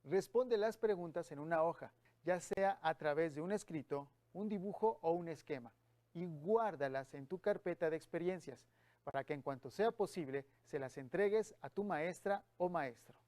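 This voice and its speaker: A man reading a calm, scripted voice-over for a children's lesson, speaking directly to the child. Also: on the high side, normal speed. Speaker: program announcer.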